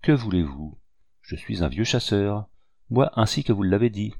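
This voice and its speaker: A man reading the part of a shrewd, good-natured old hunter in an audiobook, speaking with calm assurance. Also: lowish voice, normal speed, gravelly, no room sound, studio quality. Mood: assured.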